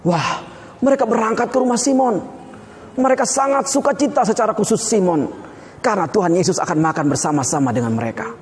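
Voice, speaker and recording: High-pitched guy telling kids a bible story, big hall echo. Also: fast, slight background noise. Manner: animated, addresses the children directly. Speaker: Sunday school teacher. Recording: long hall reverb.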